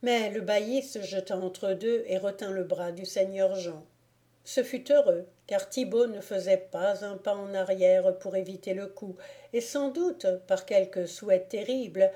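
A woman reading a novel aloud as an audiobook narrator in a measured way. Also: mid-range voice, mellow. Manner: slow, measured. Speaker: audiobook reader. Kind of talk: scripted narration.

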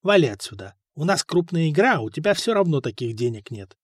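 A lean young tavern gambler, read by a male narrator, curt and dismissive in tone. The voice sits fairly high in a dry, close recording. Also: big pitch swings, fairly quick, no echo. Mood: hostile.

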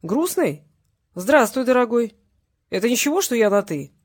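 In an audiobook, a woman narrator puts on the voice of a cocky, mocking male tough guy who makes cheerful threats. The voice is pitched high and loud above her normal reading, bouncing around with a husky edge. It is very animated, at normal speed.

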